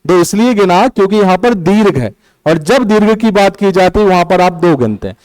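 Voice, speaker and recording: A man's voice: sits high, animated, a little fast, darkish tone, poor audio. A young man teaching a class, patiently explaining step by step and counting syllables aloud. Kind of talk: classroom lecture on Hindi prosody.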